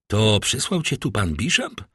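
A man's voice: on the low side, wildly swooping pitch, unhurried, pushed and bright, husky, dry recording, studio quality, heavily acted. A man voicing an agitated young nobleman who speaks with urgent, shaken pleading.

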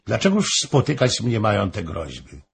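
A man's voice: on the low side, wildly swooping pitch, moderate pace, vocal fry, breathy edge, heavily acted. A man reading an audiobook, voicing a proud young woman who answers firmly and with indignation. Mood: proud puzzled.

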